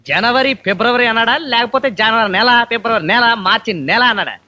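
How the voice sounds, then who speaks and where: An actor playing a smug, scheming young groom who argues glibly in film comedy dialogue. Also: male voice, very high-pitched, fast, pushed and bright, soft background music, exaggerated voice. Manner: glib, smug arguing.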